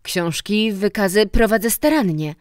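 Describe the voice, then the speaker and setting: A woman's voice: medium pitch, expressive, a little slow, dry recording, studio quality, voice pushed up, lightly acted. A woman reading a story voices a humble, anxious man, a village teacher pleading before his superior. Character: timid, frightened male village teacher.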